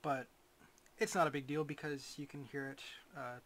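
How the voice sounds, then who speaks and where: A man giving a casual, unscripted product review as a reviewer, in a hesitant, rambling way with frequent pauses. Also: on the high side, fairly even intonation, fairly bright tone. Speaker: reviewer of gadgets.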